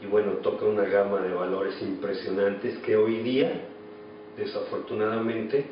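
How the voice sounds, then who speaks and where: A Mexican actor in his forties gives reflective answers in an interview, speaking at normal speed in a steady tone with a voice on the low side. He's in a small indoor office, picked up by a distant camera mic, so the sound is echoey, dull and noisy.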